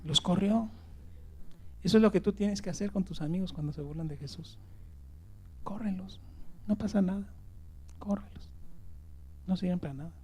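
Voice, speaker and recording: High-voiced pastor preaching. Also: male voice, quick pace, husky. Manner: swings between loud emphasis and hushed whispers; repeats words and tags lines with "¿verdad?". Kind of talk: sermon.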